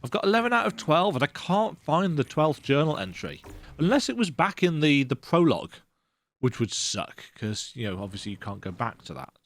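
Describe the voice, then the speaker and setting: A man's voice: a little high, sing-song, moderate pace. A man giving casual let's-play commentary, thinking aloud as he plays. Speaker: gamer.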